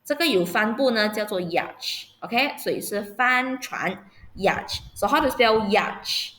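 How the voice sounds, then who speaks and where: A woman's voice: on the high side, animated, a little slow, a bit bright. A woman teacher running an online vocabulary lesson for children. She spells words out letter by letter and patiently checks that her pupils understand.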